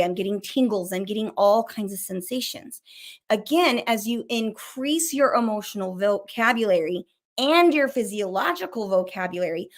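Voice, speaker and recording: A middle-aged woman counselor hosting a show, teaching casually and talking fast in a chatty way, swearing now and then. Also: medium pitch, fairly bright tone. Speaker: licensed counselor hosting a mental health show. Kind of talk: casual teaching while sharing a screen.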